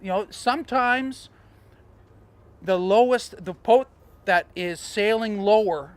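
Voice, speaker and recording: A man coaching sailors on sail trim, talking in an animated, storytelling way with chuckling asides. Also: high voice, takes it slowly. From Canada. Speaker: sailing coach. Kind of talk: outdoor teaching talk.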